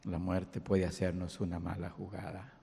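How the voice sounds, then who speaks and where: A male pastor preaching a dramatic sermon, dropping to a hush and then rising to shouts. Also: low voice, flat delivery, moderate pace, creaky. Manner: dramatic, swings from hushed to shouting. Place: church. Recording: long church reverb.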